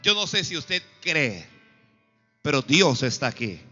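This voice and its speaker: A man preaching a sermon, calling on the congregation to answer back and rising to loud exhortations. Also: fairly high pitch, very animated, measured pace. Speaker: pastor. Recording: dull lo-fi recording with faint music.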